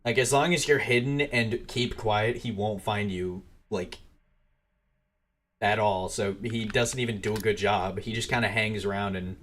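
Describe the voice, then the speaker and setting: A man's voice: fairly low pitch, fairly even intonation, a little slow, fairly bright tone. A young man rambling and swearing as he comments on his own gameplay, muttering to himself between remarks, with keyboard typing behind him. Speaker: gaming streamer.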